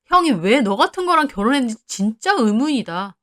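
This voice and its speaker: A snide, combative brother-in-law in a spoken drama story, played by a woman narrator. He sneers with a high, lively voice full of swoops. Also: fairly quick. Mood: sneering.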